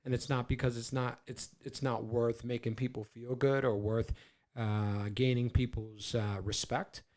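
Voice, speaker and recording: A man's voice: mid-range voice, little pitch movement, normal speed, a little mellow. A man in his forties co-hosting a podcast in casual chat, rambling and stammering with plenty of swearing. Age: 40s. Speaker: podcast co-host.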